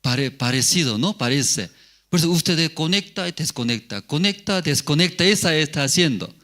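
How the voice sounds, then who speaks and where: A man's voice: a little high, lively intonation, normal speed, pushed and bright. A male pastor giving a sermon, asking the congregation rhetorical questions and repeating key words.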